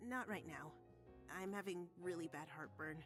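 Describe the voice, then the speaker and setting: A woman's voice: lowish voice, normal speed, fairly bright tone, faint music behind, natural voice. A woman voicing a polite young marshal. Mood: earnest. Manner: polite, a little hesitant.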